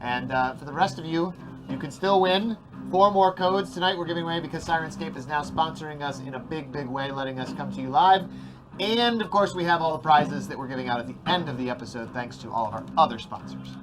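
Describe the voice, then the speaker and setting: A man's voice: on the high side, brisk, over music, rough recording. A man hosting a live stream game show, upbeat and reading out viewer comments. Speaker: host and player.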